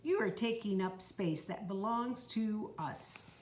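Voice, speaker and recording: A woman voicing a big bossy swamp snake in a quick, curt storybook voice. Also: mid-range voice, a little mellow, voice pushed up, close to an everyday voice. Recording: roomy echo, faint noise.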